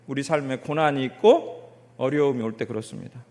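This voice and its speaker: A male pastor from a rural area near Gunsan, preaching a Sunday sermon with lively storytelling and questions to the congregation. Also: medium pitch, fairly quick, long reverb tail. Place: church during a Sunday afternoon service.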